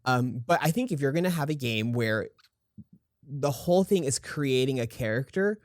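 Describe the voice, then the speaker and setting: A young man co-hosting a casual podcast. His mid-range voice is easygoing, and he often pauses on "um" while he gathers his thoughts. The sound is dry and close. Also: medium pitch, dry recording. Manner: relaxed, frequent "um" fillers, laughs easily. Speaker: podcast co-host. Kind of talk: casual chat.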